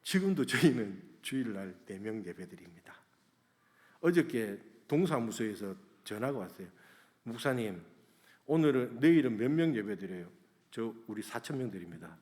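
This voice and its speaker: Emotional pastor preaching in echoing church. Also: male voice, fairly low pitch, expressive, moderate pace. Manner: emotional, swelling to loud cries then dropping soft. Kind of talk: sermon. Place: church sanctuary. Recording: long church reverb.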